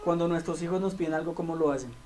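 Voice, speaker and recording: A man's voice: on the high side, very fast, a little mellow, a little hiss or hum. A male pastor with a Colombian accent, preaching a conversational, humorous sermon full of rhetorical questions.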